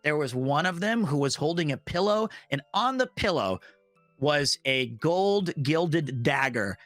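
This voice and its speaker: A man and voice actor telling a strange work story in casual chat, animated and acting out the voices he quotes. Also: a little high, unhurried, no echo, faint music behind.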